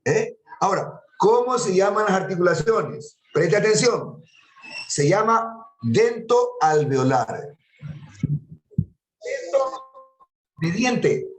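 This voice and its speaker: A man's voice: high-pitched, sing-song, takes it slowly, pauses often, reverberant, poor audio. A man teaching an anatomy class, patiently repeating terms and quizzing his students. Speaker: anatomy lecturer. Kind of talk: classroom lecture.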